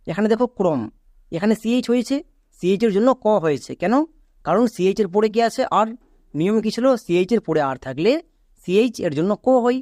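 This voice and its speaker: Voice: medium pitch, darkish tone, no echo, studio quality. A teacher explaining English spelling rules step by step, drilling each point by repeating it and spelling words out letter by letter.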